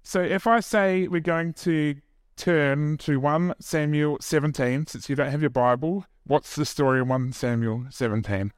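Fairly high-pitched and smooth, an unhurried New Zealand voice leads a casual church sermon. The recording is dry and of studio quality. His style is self-deprecating and funny, with chatty asides to the congregation.

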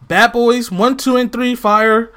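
A man's voice: very high voice, steady tone, slow pace, fairly bright tone, clear, resonant tone. A man co-hosting a podcast in casual chat, telling stories animatedly, acting out his own reactions and swearing freely. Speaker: podcast co-host.

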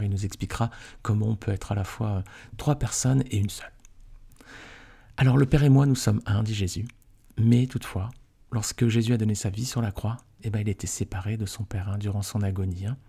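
A man's voice: on the low side, creaky, slightly rough. A man leading a conversational Bible study, reading scripture aloud and explaining it informally to listeners he calls friends. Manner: reads scripture aloud, then explains it informally with frequent tag questions; addresses listeners warmly as friends. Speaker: Bible teacher.

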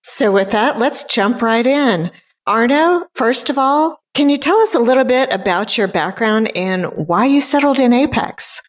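A woman's voice: on the high side, lively intonation, unhurried, big-room sound. A woman co-hosting a local podcast, asking the guest questions in an upbeat way. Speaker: podcast co-host. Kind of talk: podcast interviewing.

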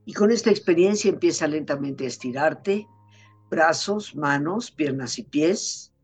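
A host speaking as a guide in slow, soothing relaxation narration, like a sleep story narrator, giving unhurried instructions. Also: medium pitch, lively intonation, slightly rough. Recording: music behind the voice. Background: music.

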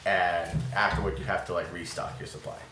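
A man's voice: low voice, little pitch movement, a little fast, pushed and bright. A man narrating as game master of a tabletop game, loose and rambling, often laughing. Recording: echoey room, faint noise.

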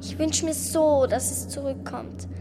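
A woman voicing a small, gentle young girl worshipped as a goddess in a storybook, speaking softly and tenderly. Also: high-pitched, steady tone, unhurried, noisy background. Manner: soft, tender.

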